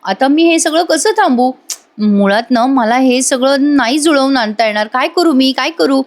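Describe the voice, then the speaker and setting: A woman's voice: sits high, a little fast, voice pushed up, close to an everyday voice. A woman voicing a worried young wife who keeps urging her husband to act, read out in a serial review. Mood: anxious. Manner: worried, urgent. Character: anxious young wife, insistent.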